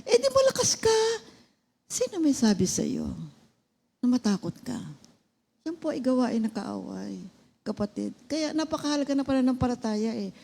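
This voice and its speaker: Animated Filipina woman teaching faith. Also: on the high side, moderate pace, gravelly. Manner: animated storytelling, acting out dialogue loudly. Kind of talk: conversational Bible teaching.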